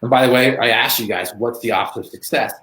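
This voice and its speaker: A man giving a motivational talk as a guest speaker, lively and storytelling, acting out bits of dialogue. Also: medium pitch. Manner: animated storyteller, acts out dialogue in quick voices. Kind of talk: motivational talk on a live stream. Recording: echoey room.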